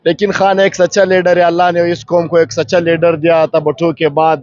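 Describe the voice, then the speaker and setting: A party worker at a rally giving a fervent, rousing political speech to a reporter. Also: male voice, a little high, level tone, a little mellow, no room sound. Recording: dull lo-fi field recording.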